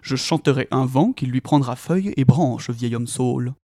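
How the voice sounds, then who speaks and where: Hearty old forest man, booming and bouncy, sing-song lines, as a man reads him out, dry sound. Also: normal speed, dark tone, no room sound, natural voice. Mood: jovial booming.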